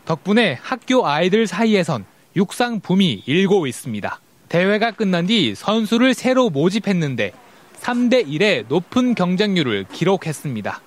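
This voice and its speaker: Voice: mid-range voice, sing-song, normal speed. A sports reporter reading scripted feature narration for a broadcast.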